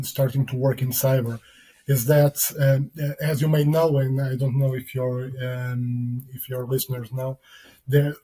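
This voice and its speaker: A man's voice: mid-range voice, dark tone, rough recording. A man from Portugal with a Portuguese accent, not a native English speaker, answering interview questions in a hesitant way with many fillers. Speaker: guest, security consultant.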